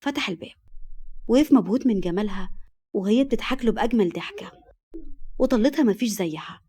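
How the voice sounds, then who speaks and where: A woman with an Egyptian accent narrating a romantic story in a brisk, even read. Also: fairly high pitch.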